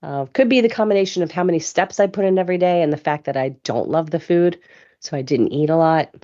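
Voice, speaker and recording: Woman host, low-pitched, hoarse from a cough, chatty and rambling, dull lo-fi stream audio. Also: quick pace, mellow. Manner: chatty, rambling, laughs easily. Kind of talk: casual live show chat.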